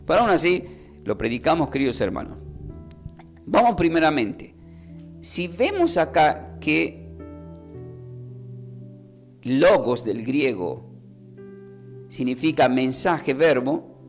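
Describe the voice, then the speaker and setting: A man preaching a Bible lesson for radio, in a teacherly way, asking questions and then answering them and repeating key words slowly. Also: a little high, expressive, soft background music.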